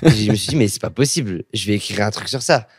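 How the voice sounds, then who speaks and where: Dry, close-miked chatty comedian. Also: male voice, lowish voice, quick pace, husky, dry recording. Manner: relaxed, chatty, acts out bits while explaining. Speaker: comedian guest. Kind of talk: casual podcast interview.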